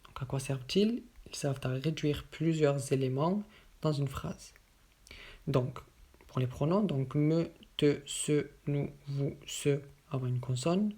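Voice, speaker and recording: A French teacher explaining grammar slowly and patiently, working through many example sentences. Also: mid-range voice, mellow, husky. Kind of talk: grammar lesson.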